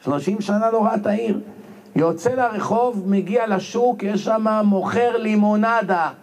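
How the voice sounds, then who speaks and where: A male rabbi preaching a sermon and telling stories animatedly, acting out the people in them. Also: sits high. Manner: animated storyteller, acts out voices. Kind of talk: sermon storytelling.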